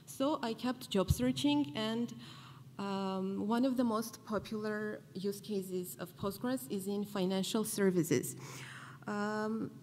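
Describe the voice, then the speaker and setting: A woman in her twenties from Armenia gives a talk at a podium mic in a large conference hall. She speaks earnestly in a middle pitch, stopping often on fillers. The hall rings with a long reverb over a faint hiss. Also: steady tone, a little mellow. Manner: earnest, with frequent fillers and pauses.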